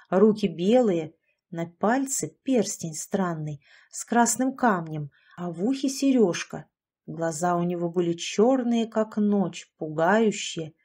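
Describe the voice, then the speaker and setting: A woman's voice: on the high side, a little mellow. A woman voicing a grim, bitter old village man who grumbles and bursts out angrily.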